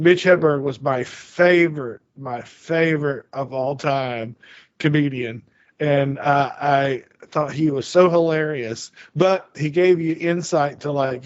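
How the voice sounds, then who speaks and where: A man in his forties chats casually, his voice sitting a little high for a man. He rambles through anecdotes, stumbling over restarts and stammers. The recording sounds dry and dull, with no room at all. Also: a little mellow, dry recording. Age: 40s. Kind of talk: casual chat.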